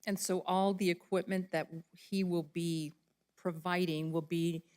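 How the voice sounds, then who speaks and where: A woman's voice: lowish voice, little pitch movement, measured pace, a little mellow. A woman chairing a county commission meeting who asks staff direct questions.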